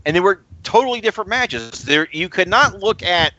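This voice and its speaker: A man's voice: sits high, lively intonation, bright, forceful tone, dull audio. Stammering man in casual chat. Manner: halting, many stammers and restarts. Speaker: podcast co-host.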